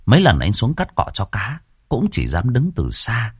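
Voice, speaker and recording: Lively storyteller man. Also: mid-range voice, normal speed, breathy edge, no room sound, studio quality. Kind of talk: ghost story narration.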